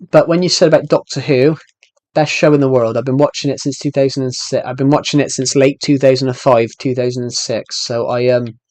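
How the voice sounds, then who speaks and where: In casual live stream chat, a twenty-something man with a heavy British accent rambles through answers to viewer questions, often starting sentences over. His medium-pitched voice is a little mellow, and there's no echo.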